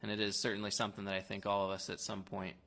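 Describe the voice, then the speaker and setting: A man's voice: lowish voice, completely flat delivery, very fast, creaky, a bit bright. A man co-hosting a church youth talk show, affirming his partner often and explaining ideas with fillers. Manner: affirming, frequent backchannel. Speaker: church youth leader co-host. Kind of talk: casual faith discussion.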